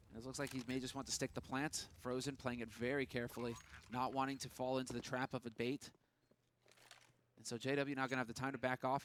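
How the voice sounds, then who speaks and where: A quick-talking man with a medium-pitched voice calls a live match as an esports caster. His play-by-play is urgent and continuous, with faint noise and clicks behind it. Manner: running, urgent narration of the action.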